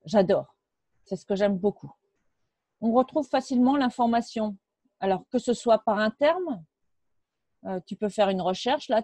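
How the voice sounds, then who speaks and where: A woman giving a casual, chatty software tutorial while sharing her screen, narrating her clicks with quick "hop" and "voilà" asides. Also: medium pitch, no room sound. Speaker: tutorial presenter.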